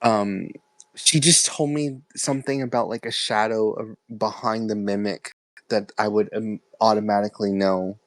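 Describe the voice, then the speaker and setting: Calling in, a young Texan man haltingly chats about spirits and his family, stumbling through many ums and likes. He has a lowish voice with fairly even intonation, and there's no room sound at all.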